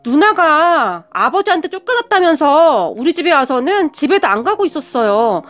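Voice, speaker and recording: A woman's voice: high voice, sing-song, normal speed, soft background music. A woman voicing an exasperated young husband who sighs and complains. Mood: explaining. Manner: sighing, yelling in exasperation. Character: exasperated young husband, caught between sister and wife.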